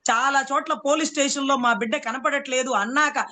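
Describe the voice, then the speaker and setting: A woman's voice: high-pitched, fairly even intonation, fairly quick, bright, forceful tone. A woman from Andhra Pradesh arguing hard in a political debate, sarcastic and full of rhetorical questions. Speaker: political commentator.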